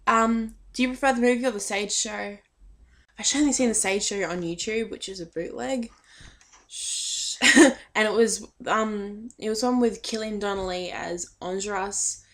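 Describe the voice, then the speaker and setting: A woman's voice: medium pitch, moderate pace, a bit bright. A young woman chatting casually in a fan vlog, hesitant and full of filler ums, a little shy. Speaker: vlogger.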